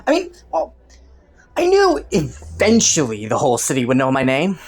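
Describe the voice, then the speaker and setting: A woman's voice: deep voice, huge pitch swings, slightly rough, heavily acted. Woman acting flirty, swooping, teasing criminal Killua. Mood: taunting, coy. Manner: playful, taunting, coy, drawn-out mock innocence. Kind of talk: scripted roleplay audio, intimate monologue to the listener.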